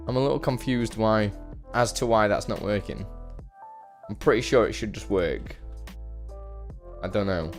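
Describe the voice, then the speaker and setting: A man's voice: lowish voice, normal speed, pauses often, soft background music. A man chatting casually on a live stream, rambling and self-deprecating as he greets viewers by name and answers their questions. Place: his brother's home.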